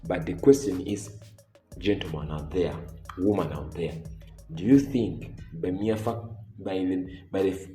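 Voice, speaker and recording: A man giving opinionated commentary to viewers, deliberate and repeating phrases for emphasis. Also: deep voice, mellow. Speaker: reaction video commentator. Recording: echoey room with faint music.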